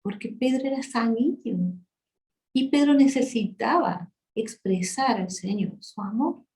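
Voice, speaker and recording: A woman's voice: on the high side, expressive, unhurried, darkish tone. A woman, preaching to a women's church gathering with passion and tenderness and sudden shifts in volume. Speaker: guest speaker at a women's church meeting. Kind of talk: sermon. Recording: echoey hall.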